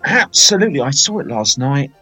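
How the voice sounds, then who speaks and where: Husky man in his forties. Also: medium pitch, big pitch swings, fairly quick, bright, forceful tone, soft background music, poor audio. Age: 40s. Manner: rambling, chatty, many fillers. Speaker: film podcast host. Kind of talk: casual film chat, live-streamed.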